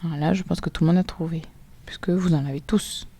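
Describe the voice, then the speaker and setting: Slowly and clearly, letter by letter, a French-accented woman spells out sounds in a recorded phonics lesson for children. She speaks low, with a steady, warm tone.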